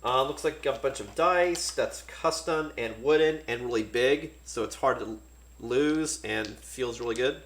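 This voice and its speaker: A man casually talking through a board game unboxing, relaxed and thinking aloud with many fillers. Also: mid-range voice, measured pace, roomy sound.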